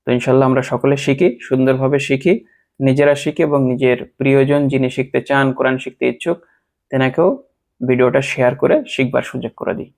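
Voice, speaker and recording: A man teaching Quran reading, slowly spelling out each Arabic letter with its vowel sound and then blending them into words. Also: medium pitch, little pitch movement, gravelly, a little mellow. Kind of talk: slow syllable-by-syllable Quran reading lesson.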